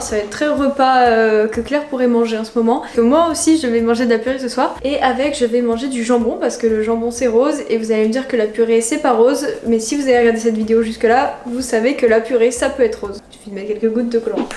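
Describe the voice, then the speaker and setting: A woman's voice: a little high, a little mellow. Chatty young woman in an echoey kitchen. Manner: chatty, giggly, talking to viewers. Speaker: vlogger. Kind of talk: casual food challenge vlog. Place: home kitchen. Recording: echoey room with music behind.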